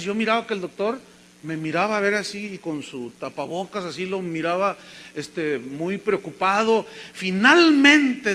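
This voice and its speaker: A man's voice: high-pitched, a bit bright, slight background noise. A man, a pastor preaching a sermon and telling a story while acting out the people in it. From Mexico.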